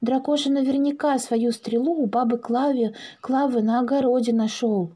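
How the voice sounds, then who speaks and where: A woman voicing an eager young girl, higher and brighter in tone. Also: steady tone, moderate pace, breathy edge.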